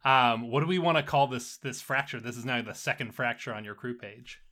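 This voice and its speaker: A man narrating a tabletop role-playing game as game master, relaxed and often repeating words as he goes. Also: mid-range voice, brisk.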